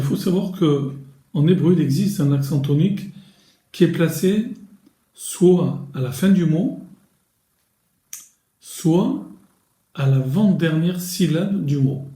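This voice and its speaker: A man teaches a grammar lesson in a slow, deliberate way, pausing and restarting as he explains. His voice is slightly high and mellow, heard in a roomy, echoey space. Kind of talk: recorded lesson.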